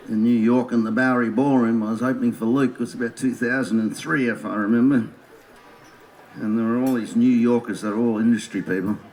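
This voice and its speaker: A man's voice: mid-range voice, darkish tone. A man in his seventies from New Zealand, a singer-songwriter chatting casually and telling easygoing, self-deprecating stories about his music. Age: 70s. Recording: echoey, with music behind.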